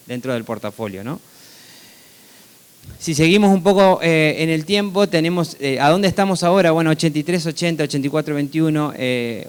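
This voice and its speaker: Smooth, clear Argentine man presenting. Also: on the high side. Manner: conversational, seeking agreement with frequent tag questions. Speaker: seed company presenter. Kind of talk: technical product presentation.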